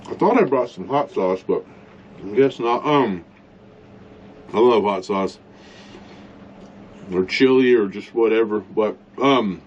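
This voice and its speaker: Man, casual rambling vlogger, blunt opinions, mid pitch, muffled lo-fi sound. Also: a little hiss or hum. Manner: rambling, blunt, eating while talking. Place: inside a truck at a campsite.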